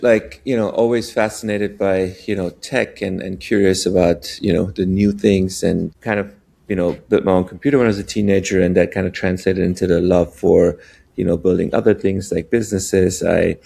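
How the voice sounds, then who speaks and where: A man talks as a podcast guest in a very low voice with heavy vocal fry and a husky edge. He speaks in a relaxed, hesitant way and leans on fillers like "you know" as he goes. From born in Iran, raised in Germany. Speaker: guest, venture capitalist. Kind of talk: casual podcast interview.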